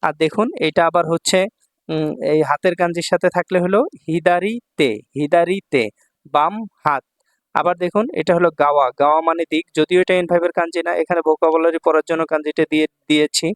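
Guy teaching kanji in bengali, kinda high voice, says every word twice, dry close sound. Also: steady tone, fairly quick, dry recording. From Bangladesh. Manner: patient, repeats each word several times, checks in with the listener. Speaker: Japanese language teacher. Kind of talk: kanji lesson explained in Bengali.

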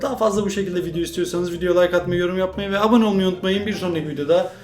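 A man's voice: high voice, very fast. A young man from Turkey chatting casually on his vlog as he works a puzzle, muttering and grumbling in mock frustration. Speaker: YouTuber solving a puzzle. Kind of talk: casual vlog chat while solving a puzzle.

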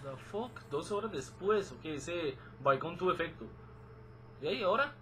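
A man's voice: a little high, animated, moderate pace, background noise. A man commentating a horror game, jumpy and joking, swearing often. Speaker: gameplay commentator. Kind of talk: let's play commentary.

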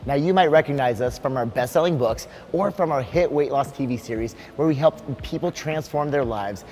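A man in his forties, a fitness coach hosting a promo, talking in an upbeat, energetic, salesy way on a lapel mic in a bright studio. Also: medium pitch, normal speed, a little hiss or hum. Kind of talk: scripted promo pitch. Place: large bright indoor studio.

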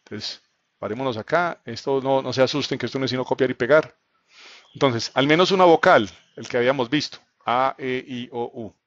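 A man teaching a live online programming class, walking through code on screen. He explains step by step, quizzes the students and often checks in with a quick question. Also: medium pitch, highs cut off. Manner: explanatory, asks students questions, frequent fillers like "entonces" and "¿cierto?". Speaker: programming instructor.

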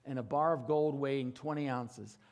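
A middle-aged pastor, a man, preaches from the stage of a church, speaking at normal speed with fairly even intonation. He alternates between forceful, loud proclamations and hushed asides, seeking assent from the congregation.

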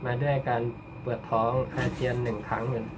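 A man's voice: medium pitch, steady tone, brisk, noisy background. A man working as an emergency radio dispatcher, repeating coded messages back in a procedural way.

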